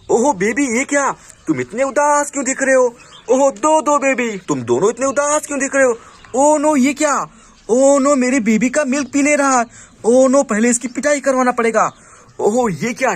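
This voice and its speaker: A man narrating toy play with exclamations, repeated praise and commands to the toys. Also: very high voice.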